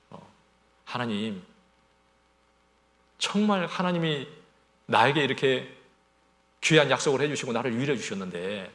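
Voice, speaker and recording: A man preaches a Sunday sermon with a lively, rising and falling voice. He keeps putting rhetorical questions to his congregation. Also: medium pitch. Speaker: pastor.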